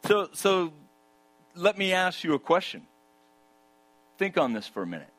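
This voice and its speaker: A man preaching a sermon, emphatic and full of rhetorical questions, dropping to a hush for key points. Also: high-pitched, sing-song, measured pace.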